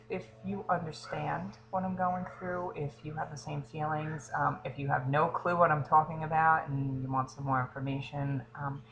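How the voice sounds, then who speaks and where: A woman in her thirties, a fitness coach, speaking haltingly and close to tears in a confessional vlog. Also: low voice, gravelly, noisy background. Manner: hesitant, halting, frequent ums. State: emotional, near tears.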